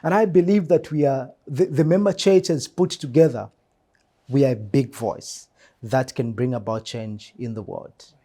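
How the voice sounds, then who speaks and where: This church mission secretary has a Zambian accent and a mellow, mid-range voice. He answers interview questions earnestly, measured and emphatic, often repeating phrases for emphasis.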